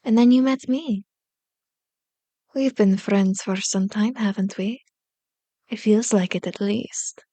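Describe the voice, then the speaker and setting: In an ASMR roleplay, a woman plays a seductive, manipulative female vampire, tender and possessive, speaking softly and coaxingly before drifting into breathy whispers close to the mic. Her mid-range voice stays steady, mixing hushed speech with soft whispers in a slow, soothing, intimate, hypnotic way. The close microphone gives a dry recording.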